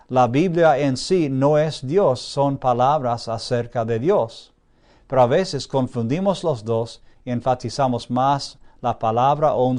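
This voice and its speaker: A man giving a classroom lecture in an even, middle-range voice. He thinks aloud with long "ah" fillers and keeps checking that his students follow. He slows right down whenever he stresses a key phrase. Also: medium pitch. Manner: checks in often with a questioning "¿sí?"; frequent drawn-out "ah" fillers while thinking. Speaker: Bible institute teacher.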